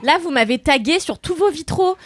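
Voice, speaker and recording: A woman's voice: sits high, lively intonation, normal speed, no echo, clean studio sound. A tired woman co-hosting a podcast, joking around and laughing a lot in casual chat. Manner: joking, laughs often, mock dramatic. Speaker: podcast co-host.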